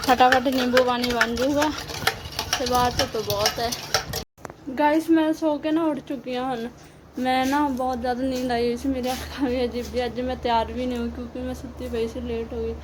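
A woman vlogger with a Punjabi accent speaks in a high voice, chatting casually to her viewers. She retells things in an animated, exclaiming way. Clear background noise sits behind her on a handheld home recording. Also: fairly quick. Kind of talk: casual home vlog chat. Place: at home, moving between rooms.

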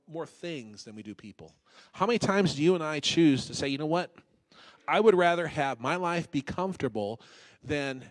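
A male pastor preaching a sermon, dramatic, swinging from loud urging to hushed pleading and acting out quoted voices. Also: medium pitch. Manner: voices God and Jonah in quoted asides.

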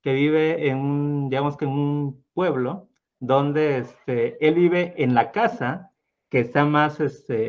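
A man's voice: medium pitch, lo-fi sound. A man telling a story casually as a guest, meandering with fillers and acting out the voices. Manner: meandering, lots of fillers and restarts, acts out voices.

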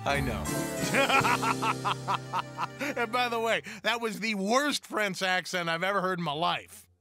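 Cartoon house cat: sardonic, wisecracking, bright and animated. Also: male voice, high voice, moderate pace, faint music behind, exaggerated voice. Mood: sarcastic.

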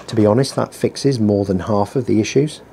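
A small business owner vlogs from his workshop bench, rambling casually with dry, self-deprecating humour as he works. His voice is lowish, gravelly and dark at a normal speed, with a little hiss or hum. A heater runs in the workshop, and the mic sits on the bench below him.

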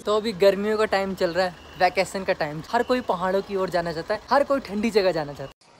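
Soft background music accompanies a young adult whose voice sits high and moves at a quick pace. He's a chatty travel vlogger addressing viewers directly while filming on his phone at arm's length on a windy hill road.

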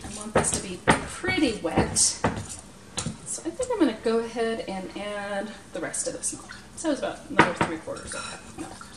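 A middle-aged home cooking show host, medium-pitched and very animated, walks through a recipe step by step in a plain, practical, unhurried way. She's in a small indoor home kitchen, recorded on a distant mic with a roomy sound. Dishes clatter, utensils clink and clicks cut through the noisy background.

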